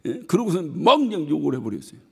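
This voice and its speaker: Korean pastor guy preaching, swoops all over the place, gravelly, big church reverb. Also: a little high, fast. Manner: animated storytelling, mimics congregants and shouts. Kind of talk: sermon. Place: church hall.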